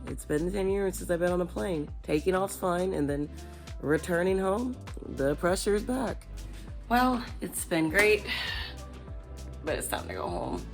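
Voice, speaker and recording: A tired woman with a hoarse, worn voice, chatting casually and informally to her vlog viewers. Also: lowish voice. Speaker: vlogger.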